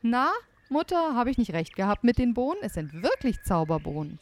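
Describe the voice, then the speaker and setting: Lady doing a hungry little boy in a fairy tale, begging politely, voice jumps up high. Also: big pitch swings, fairly quick. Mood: proud. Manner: pleading, polite.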